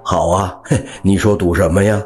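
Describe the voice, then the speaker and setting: A man voicing a simple-minded, good-natured young husband who talks in a slow, guileless, chuckling way. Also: low-pitched, steady tone, close to an everyday voice.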